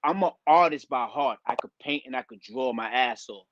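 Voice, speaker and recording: A rapper from Liberia in West Africa talks as a guest in a casual interview, laid-back and conversational, often saying "you know what I mean." His mid-range voice moves at normal speed over lo-fi sound with a noisy background.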